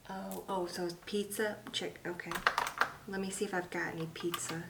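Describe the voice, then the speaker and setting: A woman doing a soft-spoken ASMR role-play as an easygoing art consultant, musing and hesitant as she talks. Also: mid-range voice, little pitch movement, normal speed, creaky. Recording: distant mic, loud noise, typing and clicks. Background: typing, clicking and tapping.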